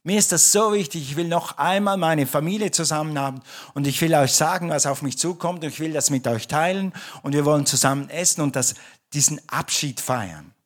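A man's voice: on the high side, brisk. A man preaching a sermon in German to his congregation, talking in a conversational way with frequent restarts and self-corrections. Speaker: pastor. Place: church.

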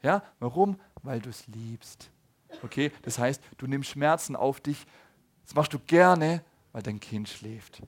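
A man in his thirties preaching a sermon, swinging between loud appeals and soft low asides, often asking the audience questions. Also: lively intonation, measured pace, slightly rough. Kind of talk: sermon to a congregation.

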